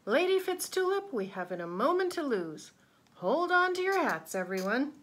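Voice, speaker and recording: A woman playing a shy, well-mannered storybook gentleman with a soft, courteous way of speaking. He is mild and gentle in his words. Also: on the high side, very animated, normal speed, a little hiss or hum. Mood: bold. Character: shy, polite, gentle hat-loving gentleman.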